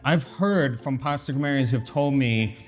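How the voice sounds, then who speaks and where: A man's voice: mid-range voice, normal speed. Echoey American man, casual vlogging. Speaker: channel host. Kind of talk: casual chat to camera. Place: empty house kitchen. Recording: echoey empty room, faint music.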